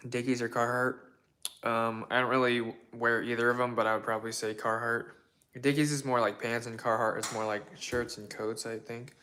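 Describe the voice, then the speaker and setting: A young man hosting a casual question-and-answer chat from his home kitchen, relaxed and rambling with lots of fillers and hedges. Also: medium pitch, normal speed. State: voice partly worn from shouting days before. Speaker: channel host answering viewer questions.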